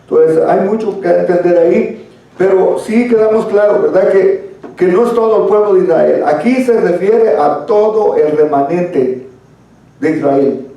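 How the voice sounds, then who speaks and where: A man's voice: sits high, a little slow, mellow. A man leading a church Bible study lesson, explaining at length and addressing listeners as brother, recorded from a distance in a church hall. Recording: echoey room, far from mic.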